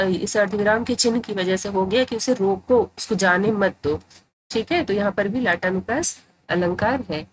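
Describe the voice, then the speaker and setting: A woman teaching Hindi grammar in a tutorial, explaining patiently and repeating phrases to make each point clear. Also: medium pitch, slight background noise, low-quality recording.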